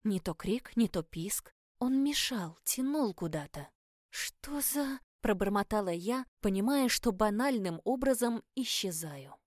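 A woman narrating a first-person audiobook, expressive and animated in the dialogue. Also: medium pitch, measured pace, no room sound, clean studio sound.

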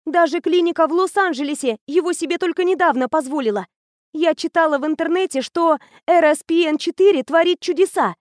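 A woman voicing an excitable fifteen-year-old girl who gushes about medicine in a rapid, eager chatter. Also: very high voice, dry recording, clean studio sound, pitched above the performer's own voice. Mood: gushing. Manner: rapid, gushing, breathless enthusiasm.

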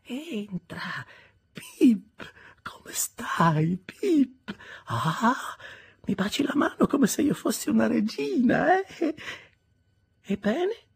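A man voicing an imperious, gloating old jilted woman in a high, breathy, half-whispered, drawn-out voice. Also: very animated, heavily acted. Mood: eerie coaxing.

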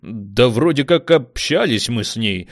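A man's voice: mid-range voice, expressive, normal speed, a bit bright, no echo, clean studio sound, lightly acted. A man voicing an evasive, clever young man who protests defensively and whines.

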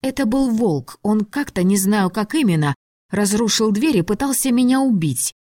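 A woman voices a frightened young female captive, sounding anxious and pleading. Her mid-range voice is expressive and dark in tone, pitched above her own natural register yet still natural, at a moderate pace in a dry, studio-quality recording.

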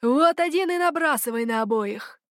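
A woman voicing a cruel, sneering male dark warrior with a creaky voice in an audiobook. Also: high voice, expressive, normal speed, no echo, studio quality, voice pushed up. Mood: commanding. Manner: mocking, commanding.

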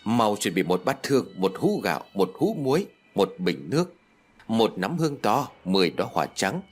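A man's voice: fairly low pitch, sing-song, moderate pace, husky, faint music behind. A man voicing a ruthless, power-hungry old male sorcerer who barks commands. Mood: commanding. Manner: commanding, barking orders.

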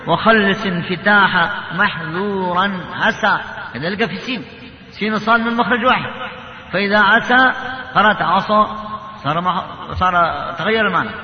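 High-voiced man teaching in an echoey hall. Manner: explains patiently, chants example verses slowly. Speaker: tajwid teacher. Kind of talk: classroom lesson on Quran recitation. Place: mosque. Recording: echoey, dull, slightly noisy hall recording.

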